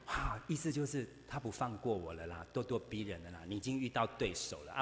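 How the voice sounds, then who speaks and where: Animated male preacher in a reverberant hall. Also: lowish voice, a little hiss or hum. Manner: animated storytelling, acting out both sides of dialogue. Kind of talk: sermon.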